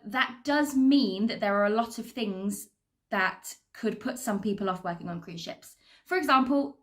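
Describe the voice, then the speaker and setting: An upbeat British woman speaks informally about her working life. She is chatty and articulate, like a cruise director at ease with talking to people. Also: mid-range voice. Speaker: assistant cruise director and entertainer. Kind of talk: informal career talk to camera.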